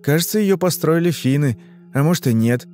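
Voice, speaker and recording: A man's voice: a little high, lively intonation, brisk, darkish tone, soft background music, voice pushed up, close to an everyday voice. A man voicing an anxious middle-aged businessman and father in an audiobook, flustered and hesitant. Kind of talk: audiobook reading.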